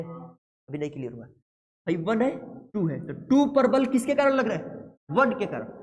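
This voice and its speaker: A man's voice: very high voice, a little mellow. A male physics teacher lectures to a class, keeps asking questions and answers them himself. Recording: long hall reverb.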